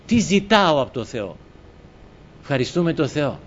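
A man's voice: a little high, sing-song, dull audio, a little hiss or hum. A man preaching a sermon, reading scripture and then exhorting the congregation, rising emphatically on his questions and calling them beloved brothers. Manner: addresses listeners as beloved brothers.

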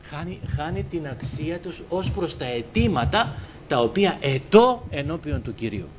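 A man's voice: a little high, sing-song, dull audio, a little hiss or hum. A man preaching a sermon, reading scripture and then exhorting the congregation, rising emphatically on his questions and calling them beloved brothers. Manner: addresses listeners as beloved brothers.

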